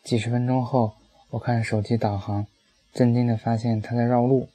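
A man's voice: medium pitch, flat delivery, normal speed, warm tone, poor audio. A man reading a personal essay aloud as an audiobook, telling it in a wry, dry way. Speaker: narrator.

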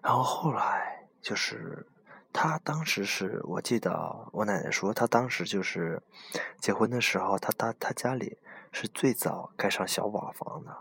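Man, whispered storytelling, low voice, gravelly, hesitant, repeats phrases. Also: expressive, unhurried, no room sound. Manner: hushed, hesitant, repeats himself.

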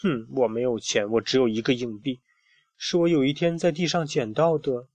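A man's voice: medium pitch, fairly even intonation, moderate pace, darkish tone, dry recording, highs cut off, close to an everyday voice. A man voicing a small, timid, curious boy who asks plaintive questions. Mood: wistful.

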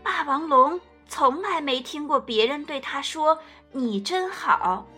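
Slow, gentle woman storyteller. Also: sits high, faint music behind. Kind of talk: picture-book read-aloud.

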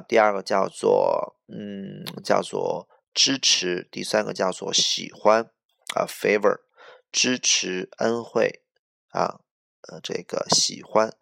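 A man's voice: fairly low pitch, measured pace, creaky, fairly bright tone. A male teacher whose first language is Chinese, going through English vocabulary word by word, explaining each one with example phrases and spelling words out letter by letter.

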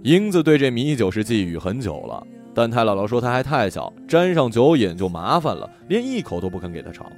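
A male storyteller reading in a gentle, scripted narration. His mid-range voice rises and falls expressively through the text. Soft music plays quietly underneath. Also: medium pitch, sing-song, brisk, few pauses.

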